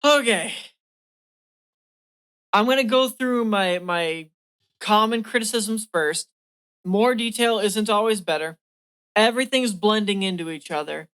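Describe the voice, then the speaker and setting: A woman guest in a casual podcast chat, trading dry, deadpan jokes. She argues bluntly and with confidence, delivering absurd lines with a straight face. Her voice sits at an ordinary middle pitch. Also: unhurried, long pauses, clear, resonant tone. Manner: blunt and argumentative in banter. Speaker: guest, artist.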